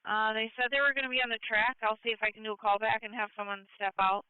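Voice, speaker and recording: A woman dispatching emergency units with a very clean, smooth voice. The sound is dry and thin, like a radio channel. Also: fairly high pitch, fairly even intonation, fast talker, dry recording, phone-quality sound.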